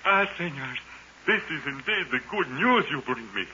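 Courtly aging father, florid, sharp animated delivery, 1940s radio drama. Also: fairly high pitch, normal speed. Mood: overcome, grateful. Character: emotional, courtly older father, overcome and grateful. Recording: muffled, faintly noisy 1940s radio recording.

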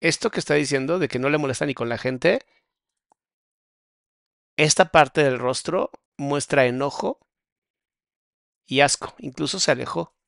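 A man's voice: a little high, unhurried, vocal fry, pauses often, a bit bright, no room sound, clean studio sound. A Mexican man, a psychologist hosting a reaction video, explaining what he sees and speaking his opinions with emphasis. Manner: explains and points things out, turns preachy and emphatic. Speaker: psychologist host. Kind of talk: reaction commentary.

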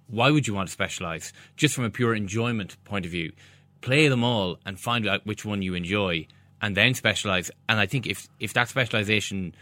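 Deep, bright-voiced man, west of Ireland accent. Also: brisk, no room sound. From Galway, west of Ireland. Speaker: sports podcast co-host. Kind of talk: casual sports discussion.

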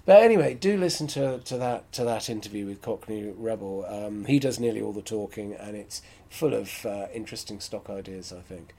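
A man's voice: lowish voice, moderate pace, hardly any pauses, dark tone. Frank man hosting a podcast. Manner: frank and opinionated, thinking aloud. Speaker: podcast host. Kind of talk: solo podcast commentary.

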